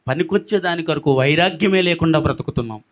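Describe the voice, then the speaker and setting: A man's voice: fairly high pitch, quick pace, lo-fi sound. A male pastor preaching a sermon, prompting the congregation to answer back.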